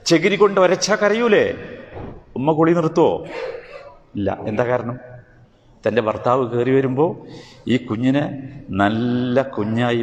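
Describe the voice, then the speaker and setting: A male preacher giving a sermon, asking rhetorical questions and swinging between emphatic highs and quiet lows. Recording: hall reverb with faint ambient noise.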